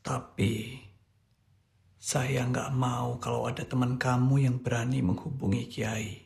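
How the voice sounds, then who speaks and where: An actor playing a stern, controlling male religious teacher at a boarding school, speaking in a cold, measured, authoritative way. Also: mid-range voice, level tone, gravelly, a little mellow. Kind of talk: film drama.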